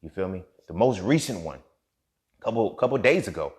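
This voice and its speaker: He's a man in his thirties, animated and speaking at a moderate pace, hosting a podcast with a profane, impassioned monologue that swings from low muttering to loud outbursts.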